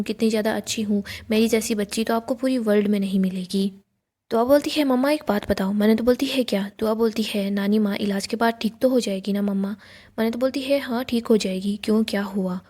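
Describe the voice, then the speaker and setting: A woman narrating a casual scene-by-scene recap of a TV serial, quoting the characters' lines in her own voice. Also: mid-range voice. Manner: steady retelling, quotes dialogue in her own voice.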